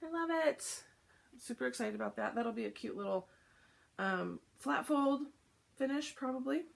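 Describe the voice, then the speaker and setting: A woman chatting casually about her cross-stitch projects, short of breath and filling pauses with "um". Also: fairly high pitch, expressive, creaky. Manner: chatty, lots of "um" fillers. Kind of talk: casual show-and-tell chat.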